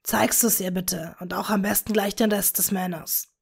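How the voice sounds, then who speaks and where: Woman doing a soft-spoken doting dark wizard. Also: medium pitch, fairly even intonation, creaky, breathy edge. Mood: gentle. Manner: soft, measured, gentle.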